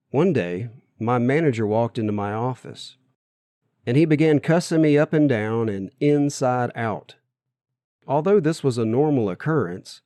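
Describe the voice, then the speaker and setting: A man's voice: medium pitch, mellow, dry recording. A man narrating his own memoir as an audiobook in an earnest, plain storytelling manner.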